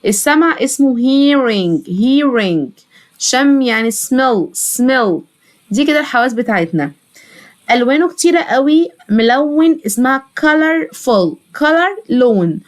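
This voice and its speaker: A woman with an Egyptian Arabic accent teaching English vocabulary to children, repeating each word slowly several times. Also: high voice, animated.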